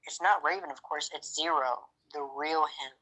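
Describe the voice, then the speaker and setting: A man with a bright, forceful voice plays his character in a game roleplay. He speaks haltingly, stops and restarts often, and fills the gaps with little fillers. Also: a little high, poor audio. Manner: hesitant, halting, full of fillers. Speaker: roleplay player.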